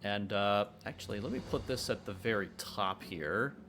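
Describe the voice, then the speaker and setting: A man's voice: lowish voice, moderate pace. A young man streaming his game development work in a casual, rambling chat. He fills his talk with hesitations, tells jokes and reads chat questions aloud. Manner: rambling, full of filler sounds and restarts. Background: faint background music.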